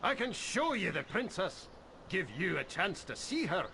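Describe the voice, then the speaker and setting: A man's voice: high-pitched, sing-song, measured pace, gravelly, bright, forceful tone, a little hiss or hum, full character voice. An actor playing a fawning, flustered old male messenger in a video game cutscene, speaking flowery, obsequious lines that often break into stammers.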